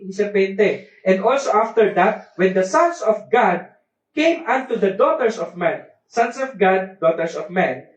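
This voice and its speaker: A man with a Filipino accent preaching a sermon at a church service, reading scripture aloud and joking with the congregation. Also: sits high. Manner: switches between Tagalog and English, jokes with congregation, reads scripture aloud. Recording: echoey, distant, dull church recording.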